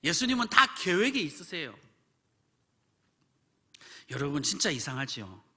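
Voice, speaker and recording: A male pastor preaching a sermon dramatically, acting out quotes and swinging from whispers to loud build-ups. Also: on the high side, huge pitch swings, moderate pace, husky, long reverb tail. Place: church sanctuary.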